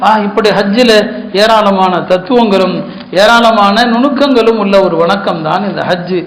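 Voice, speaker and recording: Male preacher, high voice, earnest sermon delivery with emphatic repetition, echoey room. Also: normal speed, fairly bright tone. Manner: earnest, repeats words for emphasis. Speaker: Islamic preacher.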